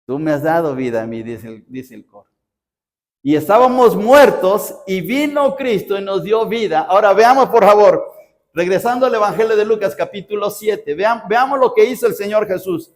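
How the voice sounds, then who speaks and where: A man's voice: sits high, lively intonation, normal speed. A Mexican man preaching a sermon as a pastor, pressing his point with emphatic rhetorical questions. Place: church. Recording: reverberant church hall.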